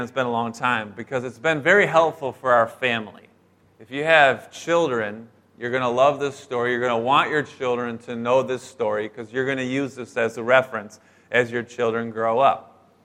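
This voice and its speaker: A middle-aged man preaching a sermon, telling stories in a lively way and acting out the voices of the people in them. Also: mid-range voice, moderate pace. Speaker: pastor.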